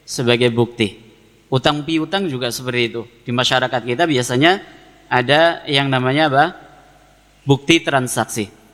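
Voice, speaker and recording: In a hall with long, reverberant echo, an Islamic preacher with a Javanese Indonesian accent teaches his congregation. He reads Arabic text, then explains it in a didactic way, repeating phrases and posing questions he answers himself, in a mid-range, fairly bright voice.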